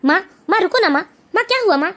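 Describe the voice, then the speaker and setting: A woman's voice: very high voice, animated, fast talker, sharp tone, full character voice. A woman voicing a devoted young son in a cartoon, speaking earnestly and pleadingly. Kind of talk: cartoon voice acting.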